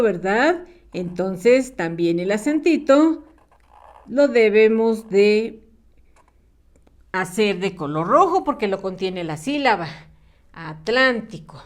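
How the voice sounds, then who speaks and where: A woman teaching a children's phonics lesson, slowly sounding out syllables and praising each answer. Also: a little high. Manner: slow, encouraging, repeats syllables for children. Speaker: primary school teacher.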